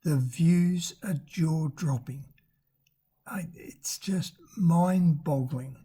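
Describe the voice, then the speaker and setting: Thin, squeaky, husky travel vlogger's voice, sex ambiguous. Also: extremely slow, warm tone. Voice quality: thin, squeaky, husky voice from damaged vocal cords. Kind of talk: unscripted travel narration.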